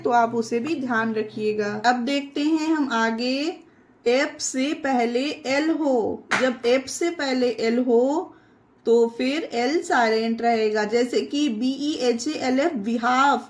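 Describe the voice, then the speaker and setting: Slow, high-voiced teacher woman. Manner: spells words letter by letter and repeats them; addresses viewers as friends. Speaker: English pronunciation teacher. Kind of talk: slow step-by-step lesson.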